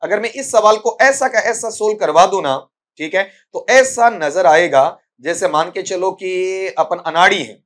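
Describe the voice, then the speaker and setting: Male English tutor, Rajasthani Hindi accent, slightly higher voice, stern, drills pronunciation. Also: a bit bright. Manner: scolding, repeatedly asks "ठीक है?" and calls students "बेटा"; spells out sounds slowly and repeats words for drilling. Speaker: English teacher. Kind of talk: exam-prep lesson answering student questions.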